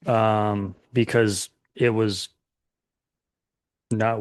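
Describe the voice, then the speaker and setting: A middle-aged man co-hosting a casual chat, talking slowly and thoughtfully with many restarts. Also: lowish voice, clear, resonant tone, dry recording, clean studio sound. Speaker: podcast co-host.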